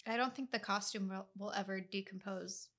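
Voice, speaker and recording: A woman co-hosting a podcast in casual comedic chat, giggly and quick to apologize. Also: mid-range voice, steady tone, fairly bright tone. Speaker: podcast co-host.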